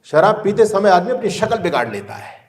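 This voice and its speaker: A man's voice: high voice, big pitch swings, a little fast. A man giving a preachy, rhetorical moral lecture to students. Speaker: speaker addressing students.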